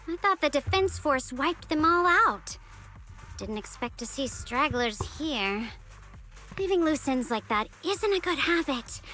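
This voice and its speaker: An actress voicing a cool, wry young woman in a video game who talks someone round with smooth, teasing persuasion. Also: sits high, sharp tone, heavily acted.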